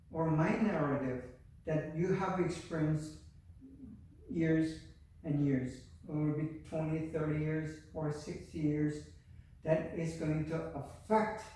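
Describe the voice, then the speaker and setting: An older man with a Korean accent lectures at a slow, halting pace, full of fillers and restarts. His voice sits high for a man. He sounds distant from the mic, in a strongly echoing room with faint ambience. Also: a little mellow, a little hiss or hum. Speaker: university lecturer. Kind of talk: classroom lecture. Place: university classroom.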